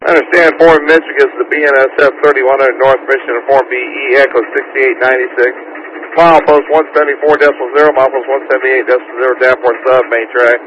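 A man's voice: medium pitch, fairly even intonation, fast talker, dull audio. A man on a train crew, rattling off a radio read-back of his orders over a two-way radio. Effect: heard over a two-way radio. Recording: distant radio with clear static.

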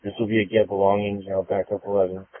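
Low-voiced man on police radio. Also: monotone. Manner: clipped, fast radio codes. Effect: police radio transmission. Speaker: police officer. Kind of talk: radio call-in. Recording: tinny dry radio channel.

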